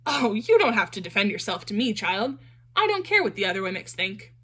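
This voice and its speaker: A woman voicing a big, kind, fatherly male woodcarver who speaks gently and soft-spoken. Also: high-pitched, very animated, fairly quick, breathy edge, voice pushed down, full character voice. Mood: reassuring.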